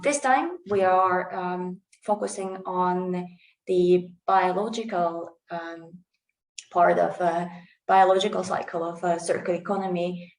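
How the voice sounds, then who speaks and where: A woman opens a webinar as host over a video call. Her voice sounds far from the mic in an echoing room and has a gravelly edge, and she speaks haltingly with many fillers. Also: fairly low pitch. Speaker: seminar host. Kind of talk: webinar introduction. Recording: roomy, distant mic.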